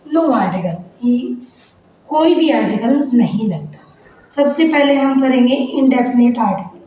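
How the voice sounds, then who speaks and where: A woman's voice: high-pitched, animated, a little slow, warm tone. A woman teacher giving a grammar lesson, asking the class questions and answering them herself. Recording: very echoey room, faint noise.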